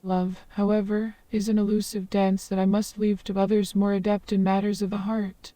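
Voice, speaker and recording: A woman's voice: mid-range voice, little pitch movement, normal speed, dark tone, no room sound, far from the mic, close to an everyday voice. A synthetic woman's voice playing a wise old hermit woman of the forest who speaks in long, ornate, formal sentences. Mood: calm, flowery.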